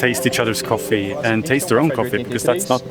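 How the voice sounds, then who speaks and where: A Swedish man narrates his filmmaking vlog, enthusiastic and reflective, in a mid-range voice at a slightly fast pace, with music playing underneath.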